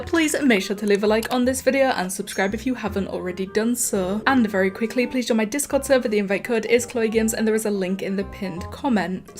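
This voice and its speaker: A woman hosting a gaming channel, chatting casually with wry, mock-hyped joking over a close mic. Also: a little high.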